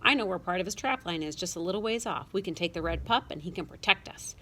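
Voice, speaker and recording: A woman's voice: on the low side, expressive, fast talker, sharp tone. A woman voicing an earnest, kind young farm boy in a storybook, with folksy country talk. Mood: eager.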